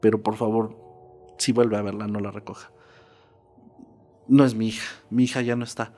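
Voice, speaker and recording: A man's voice: on the low side, little pitch movement, moderate pace, warm tone, close to an everyday voice. Grieving mother, as a man tells it. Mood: imploring. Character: grieving middle-aged mother, pleading.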